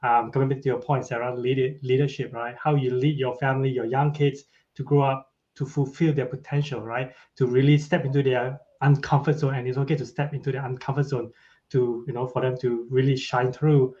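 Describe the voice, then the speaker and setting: Heard over dull, lo-fi audio, a man from Malaysia talks about his life as a guest in a relaxed interview. His medium-pitched, slightly mellow voice barely shifts in pitch, moves fairly quickly, and keeps tagging lines with "right?".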